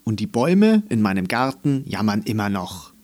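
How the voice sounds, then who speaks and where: A man voicing a grumpy, gruff male not-unicorn creature who grumbles curt replies in a storybook. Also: on the low side, sing-song, moderate pace, darkish tone.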